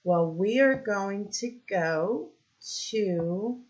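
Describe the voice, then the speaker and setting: With an animated, medium-pitched voice that's a little mellow, a woman teacher reads aloud to young kids, asking simple questions and pausing for their answers as she encourages them. Highs are cut off in the recording.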